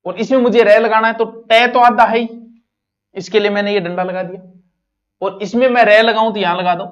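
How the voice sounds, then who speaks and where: A man's voice: high voice, fairly even intonation, brisk. A man with a Rajasthani accent teaching an exam-prep lesson, quizzing his students and moving between Hindi and local dialect. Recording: dull lo-fi recording.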